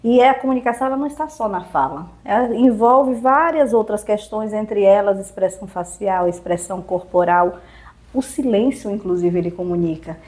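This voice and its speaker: A woman's voice: medium pitch, moderate pace, a little mellow. A woman with a Brazilian accent, a public speaking trainer giving didactic interview answers with rhetorical questions. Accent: Brazilian Portuguese. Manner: didactic, lists points and poses rhetorical questions.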